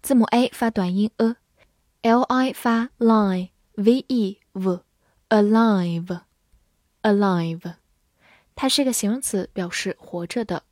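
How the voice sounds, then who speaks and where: A woman teaching English vocabulary in a scripted lesson, spelling words letter by letter and reading example sentences slowly. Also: medium pitch, a little mellow, no room sound, studio quality.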